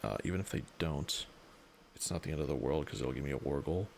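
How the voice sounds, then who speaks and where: Deep, gravelly, exhausted man. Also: quick pace, a little mellow, slight background noise. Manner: tired, rambling, thinking aloud. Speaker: streamer. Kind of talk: casual strategy game livestream commentary.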